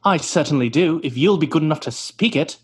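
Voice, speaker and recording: A man's voice: fairly high pitch, expressive, a little fast, husky. An actor playing a vain, pompous male stage actor who talks theatrically and scoffs, in an old-time radio drama.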